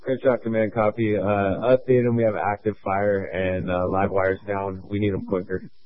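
A man's voice: fairly low pitch, little pitch movement, slight background noise. A man acting as fire incident commander over a two-way radio, giving clipped orders with many fillers. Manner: clipped, procedural, halting with fillers. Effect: two-way radio transmission. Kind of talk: fire radio dispatch traffic. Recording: tinny radio channel, dry.

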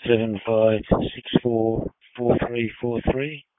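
A man's voice: mid-range voice, little pitch movement, takes it slowly, no echo. A man calling in from the field over a two-way radio, reading numbers back in a matter-of-fact way. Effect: two-way radio transmission. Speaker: field unit radio operator. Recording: narrow-band walkie-talkie audio, dry.

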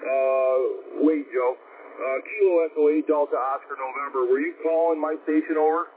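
A man running an amateur radio net over a two-way radio, pausing often and using formal call-and-over phrasing. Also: a little high, steady tone. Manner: halting, many filler pauses, formal call-and-over phrasing. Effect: heard over a two-way radio. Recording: tinny radio transmission with faint hiss.

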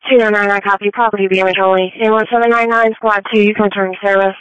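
A woman's voice: medium pitch, flat delivery, quick pace, fairly bright tone, clear, resonant tone. A woman working as an emergency dispatcher, heard over dispatch radio, giving clipped, routine calls and confirmations. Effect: dispatch radio transmission. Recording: muffled lo-fi radio scanner audio.

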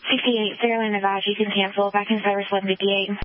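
A woman working as a fire dispatcher, reading back unit calls in brisk, clipped radio traffic over a two-way radio. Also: medium pitch, little pitch movement. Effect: two-way radio transmission. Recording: muffled radio audio with faint hiss.

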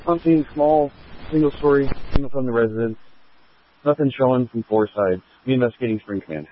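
A man's voice comes through a police radio, thin and phone-like with a faint hiss of static. He is an incident commander giving clipped reports and unit numbers in a steady, businesslike way, sounding like a scanner feed. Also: medium pitch, a little fast. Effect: police radio transmission.

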